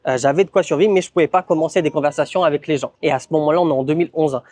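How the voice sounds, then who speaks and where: A man vlogging in a relaxed, conversational way, with frequent fillers as he recounts his experiences. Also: a little high, rapid-fire. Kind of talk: casual vlog narration.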